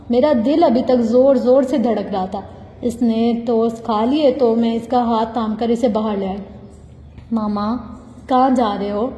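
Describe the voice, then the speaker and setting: Mellow woman narrating in an echoey room. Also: on the high side. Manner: tearful, intense, heartfelt. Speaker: audiobook narrator. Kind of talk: emotional first-person novel reading. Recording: echoey room with long reverb.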